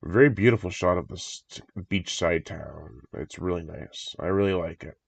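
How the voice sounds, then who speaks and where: Reacting to a horror movie trailer, a man talks with enthusiasm, rambling and chuckling a lot, his voice congested from a recent cold. It sits low, creaky with a breathy edge, at a moderate pace. There's no echo, and the lo-fi home recording is dry and dull.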